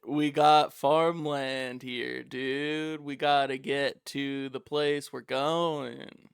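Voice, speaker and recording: A man's voice: medium pitch, little pitch movement, slow, vocal fry, smooth, no room sound, clean studio sound. A man playing a laid-back traveler in a tabletop game, drawling and tacking "dude" onto his lines. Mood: indignant. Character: laid-back surfer-ish male traveler who says dude. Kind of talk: tabletop role-play.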